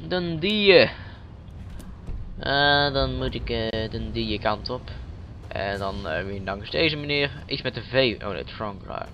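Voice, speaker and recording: A man's voice: mid-range voice, lively intonation, slow, pushed and bright, a little hiss or hum. Playful man doing game commentary, lo-fi. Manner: playful, chatty, jokes with the game characters. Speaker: let's play gamer. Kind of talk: casual gameplay commentary.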